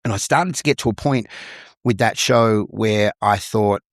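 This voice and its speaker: An Australian man with a fairly low voice recounts his stage career in a relaxed interview. He talks in long anecdotal runs, often restarting and repeating words. The recording is dry and close, with no room sound. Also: measured pace, no room sound. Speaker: guest, musical theatre performer and vocal coach. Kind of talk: casual interview storytelling.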